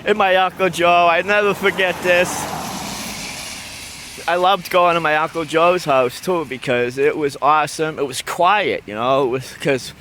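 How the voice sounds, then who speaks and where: Brief: a bright, high-pitched guy vlogging on his phone outdoors, with faint traffic behind him. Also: unhurried. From Massachusetts. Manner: rambling, repetitive, affectionate storytelling. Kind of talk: rambling personal vlog. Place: outdoors on a city street.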